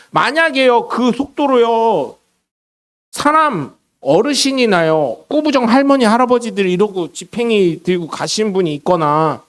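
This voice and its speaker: A middle-aged man preaching a sermon in a church, telling stories with lively swings between loud bursts and quiet asides. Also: high voice. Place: church sanctuary.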